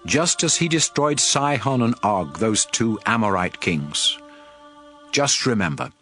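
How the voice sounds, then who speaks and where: An actor playing Moses, an aged, solemn and commanding Israelite leader, exhorting in a declamatory dramatized scripture reading. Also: male voice, mid-range voice, a bit bright. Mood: rousing, solemn.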